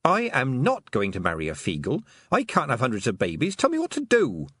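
A man voicing a stubborn, sharp-witted young girl who speaks indignantly. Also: mid-range voice, huge pitch swings, moderate pace, breathy edge, no echo, clean studio sound, pitched above the performer's own voice, heavily acted. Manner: indignant, determined.

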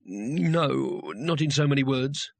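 A man voicing a cowardly wizard who makes nervous, hurried excuses in close to his own voice. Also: medium pitch, lively intonation, vocal fry, no room sound, full character voice.

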